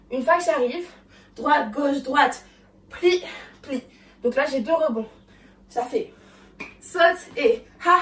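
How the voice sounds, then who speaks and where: A woman's voice: sits high, fairly bright tone, distant mic. A woman teaching a dance routine, counting beats and calling out moves, a little out of breath. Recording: roomy sound from away from the mic.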